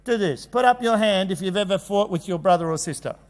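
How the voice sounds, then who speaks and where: A man gives a jokey, animated talk at a conference, acting out kids' voices. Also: high-pitched, a little fast. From Australia. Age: 50s. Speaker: conference speaker. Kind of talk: energetic presentation. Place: large conference hall. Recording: long hall reverb.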